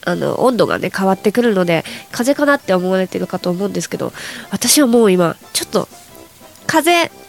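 A woman's voice: medium pitch, very animated, fairly quick, gravelly, soft background music. Young woman with a congested, nasal voice. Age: young adult. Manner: casual, rambling, addresses listeners. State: stuffy nose from hay fever. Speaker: radio show host. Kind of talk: chatty solo radio talk.

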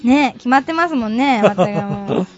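A woman's voice: fairly high pitch, expressive, soft background music. A teenage girl, a singer guest on a radio show, cheerfully chatting and reading out trivia. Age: teens. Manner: cheerful, reads trivia slowly and carefully. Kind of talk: casual radio chat. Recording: slightly dull radio recording.

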